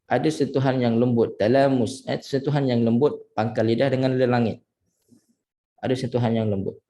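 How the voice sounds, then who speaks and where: A man with a Malaysian Malay accent teaching tajwid, correcting pronunciation and slowly drawing out and repeating Arabic syllables. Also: mid-range voice, fairly even intonation, dark tone. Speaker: Quran recitation teacher.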